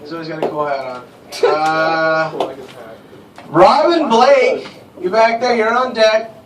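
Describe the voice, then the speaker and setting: A man hosting an open mic, introducing comics with loud, upbeat announcements. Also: on the high side, takes it slowly. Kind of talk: introducing acts. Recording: roomy far-off live recording with crowd.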